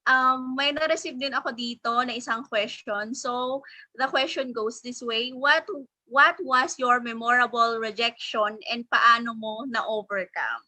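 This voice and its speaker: A woman hosting an online question-and-answer session, moderating in an unhurried, friendly way on a video call. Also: on the high side, pushed and bright, no room sound, poor audio. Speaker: host of an online huddle.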